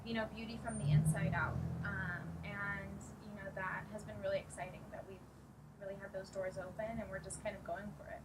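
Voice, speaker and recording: A woman's voice: medium pitch, steady tone, a little fast. A woman from Arizona who owns a salon, answering interview questions in an upbeat, chatty way with plenty of fillers. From Arizona, USA. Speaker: salon owner. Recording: distant mic with noticeable noise.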